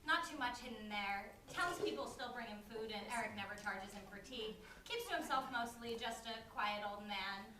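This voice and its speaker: In a very echoey, noisy space, an actress plays a woman who knows everyone's secrets on stage. She speaks bluntly and dryly in a fairly high voice. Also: moderate pace, few pauses, natural voice. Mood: matter-of-fact. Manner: dry, matter-of-fact. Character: knowing, blunt female revealer of others' secrets. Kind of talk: stage play acting. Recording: very echoey room, distant mic, noisy.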